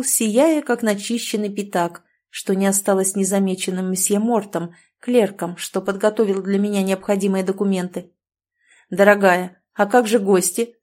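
A woman narrating a novel in the first person, with an expressive, lively delivery. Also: medium pitch. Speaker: audiobook narrator.

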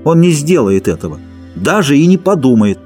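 A man's voice: on the high side, expressive, moderate pace, dark tone, soft background music, voice pushed up, close to an everyday voice. Man playing a childlike pleading big man. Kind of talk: audiobook character voice.

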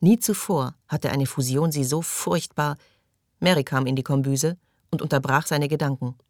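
Measured male audiobook narrator. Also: on the high side, darkish tone, dry recording, studio quality. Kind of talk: scripted narration.

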